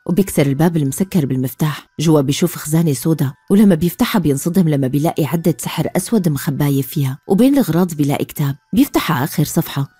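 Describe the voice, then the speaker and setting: A woman with a Levantine Arabic accent narrating a film recap in a brisk, even storytelling style. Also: low-pitched, husky, no room sound.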